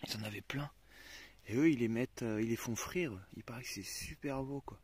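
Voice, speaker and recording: A man's voice: mid-range voice, a little fast, darkish tone, slightly rough, no room sound. A young man casually vlogging outdoors by a river, chatting to viewers and to his dogs, cursing now and then. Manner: chatty, talks to his dogs, swears when annoyed. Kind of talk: casual travel vlog to camera.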